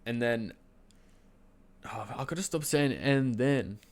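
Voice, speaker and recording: His voice nasal from a cold, a young man on a home live stream wanders through a story for his chat, standing and shifting around. He sounds expressive and slow at a medium pitch, chatty and loose, stumbling over fillers and restarts and laughing partway through sentences.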